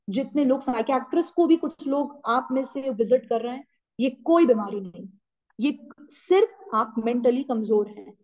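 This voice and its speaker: Woman, teacher, stern motivational lecture, higher voice with a soft warm timbre. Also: low-quality recording. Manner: firm, scolding, direct, mixes in English. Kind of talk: motivational talk to students.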